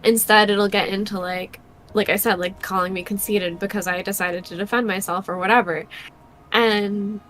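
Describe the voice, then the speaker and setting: A woman's voice: mid-range voice, steady tone, normal speed, fairly bright tone, a little hiss or hum. A young woman co-hosting a board game stream, talking casually with many fillers while she plays. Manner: chatty, many fillers, laughs often. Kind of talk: casual chat while playing.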